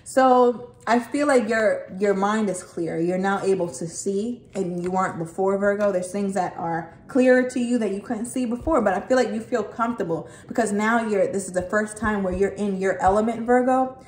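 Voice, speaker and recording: A woman's voice: mid-range voice, moderate pace, darkish tone. Chatty woman reading tarot, roomy echo. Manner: chatty, emphatic, swears casually, repeats "okay". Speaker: tarot reader. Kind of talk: casual tarot reading to camera. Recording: echoey room, faint noise.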